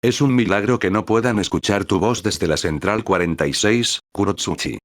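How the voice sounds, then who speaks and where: A man voicing a gruff male warrior captain who talks in a teasing, taunting way. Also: on the low side, normal speed, no room sound, clean studio sound, close to an everyday voice. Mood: mocking.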